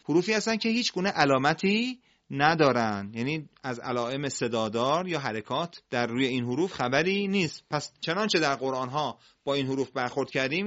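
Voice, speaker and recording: Bright-voiced male Quran reading teacher. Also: fairly high pitch, highs cut off. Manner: explains patiently, asks questions and repeats words slowly. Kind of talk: broadcast reading lesson.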